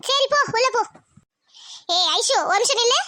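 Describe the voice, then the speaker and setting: A woman's voice: extremely high pitch, normal speed, sharp tone, dry recording. A woman voicing a suspicious, scolding village mother. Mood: firm. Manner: scolding, suspicious, rural Tamil speech. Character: anxious strict village mother, middle-aged woman. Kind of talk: cartoon voice acting.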